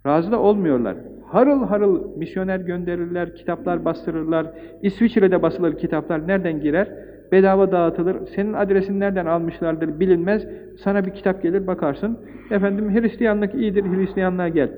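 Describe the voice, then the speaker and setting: A man's voice: sits high, slight background noise. An older man preaching in an emphatic, rhythmic way, piling up lists and rising on key points. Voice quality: recites Arabic verses quickly. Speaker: Islamic preacher. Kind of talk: religious talk. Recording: tinny phone-like old recording in a hall.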